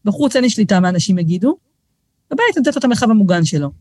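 Animated woman telling stories. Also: medium pitch, no room sound, studio quality. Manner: lively storyteller, acts out quoted voices, frequent restarts. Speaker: guest author. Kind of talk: casual podcast conversation.

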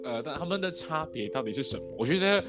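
A man's voice: a little high, lively intonation, fast. Chatty Malaysian Mandarin-speaking male host. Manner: chatty, mixes English words into Mandarin. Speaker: podcast host. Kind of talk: casual podcast interview. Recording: background music under the talk.

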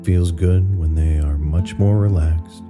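A man narrating a guided relaxation in a slow, soothing sleep-story manner. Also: low-pitched, steady tone. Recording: loud new-age guitar music bed. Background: new-age guitar music.

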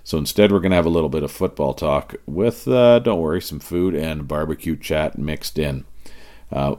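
A very low-pitched man hosts a casual podcast with a Canadian accent. His whiskey voice is raspy and worn, and his delivery is folksy and relaxed. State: raspy from cheering at a game. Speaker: podcast host. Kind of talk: casual solo podcast talk.

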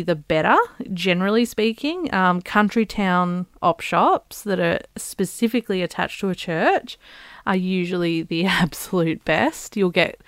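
Female, Australian, upbeat practical advice presenter. Smooth, clear voice, dry close sound, chatty and encouraging. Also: medium pitch, no room sound. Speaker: podcast host giving guest advice.

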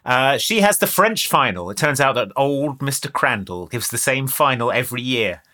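Casting: male podcast co-host, bright forceful tone, wry comedic recap. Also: mid-range voice, lively intonation, moderate pace. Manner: wry, laughs often. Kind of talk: casual comedic film recap.

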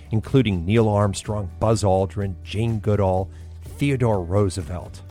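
Earnest low-voiced male podcast host. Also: a little mellow. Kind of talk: scripted intro then interview questions.

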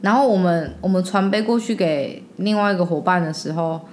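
A young woman with a Taiwanese Mandarin accent, talking bluntly and chattily on a podcast with quick interjections. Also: fairly low pitch, a little mellow, a little hiss or hum. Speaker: podcast guest, older sister. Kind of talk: casual chat.

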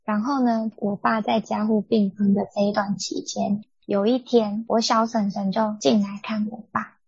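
A young woman co-hosting a podcast, telling a family story in an animated, indignant way. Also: medium pitch, normal speed, gravelly, slightly rough, dry recording. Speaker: podcast co-host. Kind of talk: casual storytelling chat. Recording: dull lo-fi dry sound.

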